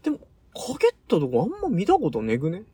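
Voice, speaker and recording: A man chatting casually in a Tohoku Japanese dialect, teasing and quick to object. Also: a little high, huge pitch swings, dark tone, breathy edge, no room sound. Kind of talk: casual chat.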